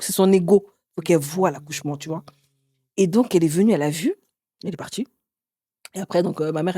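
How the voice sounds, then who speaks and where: A woman in her forties, an author and interview guest, telling her own story in a lively way and acting out what others said. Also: husky, dry recording, clean studio sound. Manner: animated, acts out others' words with sudden pitch jumps.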